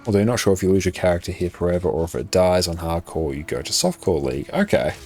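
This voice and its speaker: A young Australian man with a soft accent that sounds somewhat British chats in a relaxed, friendly way and reads chat messages aloud during a live game stream. His voice is deep and fast, picked up by a desk streaming microphone, with faint music in the background.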